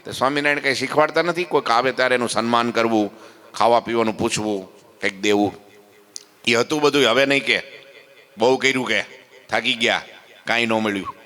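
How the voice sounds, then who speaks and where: A man telling a devotional story in a sermon, animated, acting out the voices of the people in it. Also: mid-range voice, fairly quick, long pauses, in a large hall. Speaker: katha preacher.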